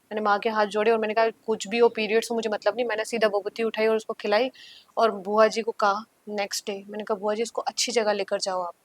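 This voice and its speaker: A woman's voice: medium pitch, flat delivery, fast, no echo. A woman guest on a podcast, telling a story vividly and acting out what she once said. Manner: vivid storytelling, acting out her own past lines. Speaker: guest singer.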